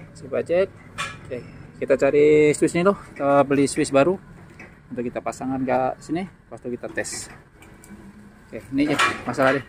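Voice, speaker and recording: A man's voice: medium pitch, a little hiss or hum. A man with a Malaysian Malay accent, a mechanic chatting casually to viewers as he shows a repair outdoors. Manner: chatty, talks to viewers while working. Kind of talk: casual how-to explanation. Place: outdoor workshop floor.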